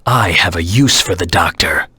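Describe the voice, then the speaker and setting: A dark video game antihero, brooding and grimly determined. The voice is low and very husky, with a gravelly rasp. He delivers terse, grave lines with menace, in a dry, close studio sound. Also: normal speed, no echo, full character voice. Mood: menacing, determined. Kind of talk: dramatic video game voice acting, scripted monologue.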